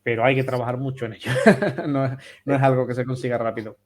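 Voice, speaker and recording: A man's voice: medium pitch, steady tone, fairly quick. A man from Spain with a Spanish accent, a therapist speaking passionately and emphatically as a guest on a remote interview. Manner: passionate, emphatic, repeats phrases.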